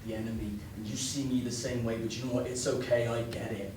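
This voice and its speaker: A man's voice: medium pitch, fairly even intonation, quick pace, noisy background, close to an everyday voice. Hardened British soldier, man acting it, blunt and clipped; stage sound, very roomy and distant. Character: stern hardened male British soldier guarding prisoner. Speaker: stage actor. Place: theatre stage. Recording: echoey room from far off.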